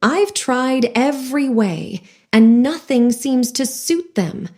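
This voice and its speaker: A woman's voice: expressive, slow pace, a little mellow. A woman voicing a fretful, contemptuous female pigeon that shrieks and sobs its complaints, in a storybook reading. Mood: complaining. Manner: shrill, sobbing complaints.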